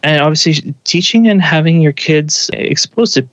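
A man's voice: fairly high pitch, normal speed, a bit bright, dry recording, dull audio. A man in his thirties, a father answering interview questions in an earnest, reflective way with frequent restarts. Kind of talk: conversational interview.

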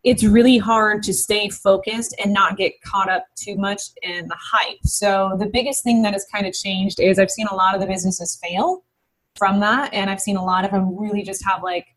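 A woman business founder talking casually as an interview guest, animated and quick, with many fillers. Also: mid-range voice, low-quality recording.

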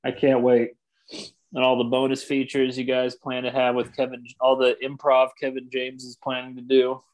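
A man's voice: mid-range voice, completely flat delivery, normal speed, low-quality recording. Guy hosting a podcast, dry mock-serious jokes, chatty. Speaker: podcast host. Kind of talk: casual comedic podcast chat. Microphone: video call.

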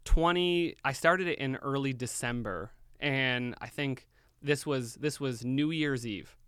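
A young man telling a story in casual chat, animated and swearing freely. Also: medium pitch, measured pace, clear, resonant tone, no room sound, clean studio sound. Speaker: podcast guest.

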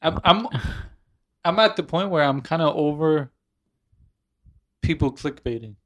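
A man's voice: fairly high pitch, expressive, measured pace, fairly bright tone, a little hiss or hum. Laid-back podcast guy, filler-heavy chat. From India. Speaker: podcast co-host. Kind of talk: casual chat.

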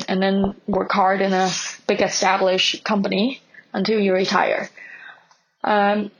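Woman, from hong kong, podcast guest, gravelly fry, thoughtful with ums. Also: medium pitch. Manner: reflective, frequent ums and restarts. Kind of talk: podcast interview.

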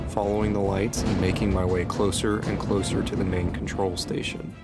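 A man with a deep, low voice tells a first-person horror story with a steady, suspenseful delivery. Clear music plays under the narration throughout. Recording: music bed behind narration.

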